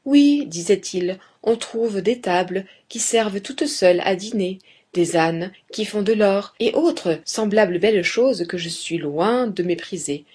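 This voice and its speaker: Young craftsman in a fairy tale , a woman reading his lines, slow and sure of himself, husky tone. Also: mid-range voice, lively intonation, darkish tone. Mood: boasting. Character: young male turner, calm and confident.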